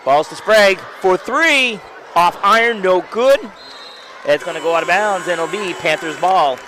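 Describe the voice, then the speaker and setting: A man calling a high school basketball game play by play from courtside, quick calls that jump up on big plays. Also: sharp tone, a faint crowd, slight background noise. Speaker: play-by-play announcer. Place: courtside at a gym.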